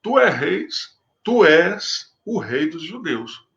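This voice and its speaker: A pressing, questioning Roman governor, read out by a man. The voice lifts higher and louder on each demand. The audio is dull and lo-fi. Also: animated, slow, creaky, full character voice.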